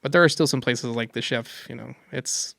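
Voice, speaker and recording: A man's voice: medium pitch, moderate pace, vocal fry, bright, forceful tone, dry recording. A man hosting a podcast in casual chat, agreeable, backing his guest with frequent yeahs. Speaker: podcast host.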